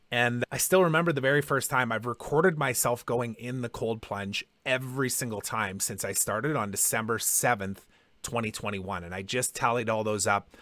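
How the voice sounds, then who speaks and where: A man's voice: medium pitch, fairly bright tone, no room sound. A man hosting a podcast, telling personal stories in a casual, conversational way and acting out quoted dialogue. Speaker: podcast host.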